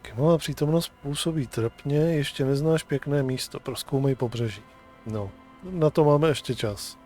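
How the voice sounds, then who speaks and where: Guy playing a game, mid-pitched voice, reads the options out and comments casually, faint music behind. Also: normal speed, a little mellow. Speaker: video game streamer. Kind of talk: reading game dialogue choices aloud, casual commentary.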